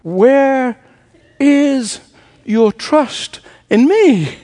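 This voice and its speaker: A man voicing a calm male teacher who gently reproves his followers with measured questions. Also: very high voice, big-room sound, pitched above the performer's own voice, exaggerated voice. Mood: reproving.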